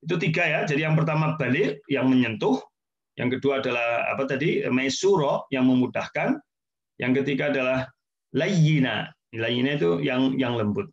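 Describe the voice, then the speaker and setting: Gravelly-voiced preacher. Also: male voice, mid-range voice, lively intonation, moderate pace. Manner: conversational, explains with repetition and asides, chuckles. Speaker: Islamic teacher. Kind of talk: casual sermon lecture. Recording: dull lo-fi sound.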